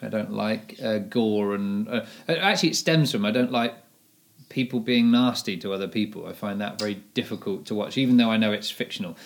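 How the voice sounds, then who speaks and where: A man's voice: on the low side, a little fast, creaky. A man co-hosting a podcast, talking with wry, teasing humour. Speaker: podcast co-host. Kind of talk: casual chat.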